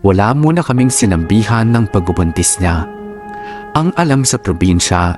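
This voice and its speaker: A man reads as an older sister recalling her troubles, in a steady, reflective first-person narration. His voice sits a little low, with music clearly playing underneath. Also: natural voice.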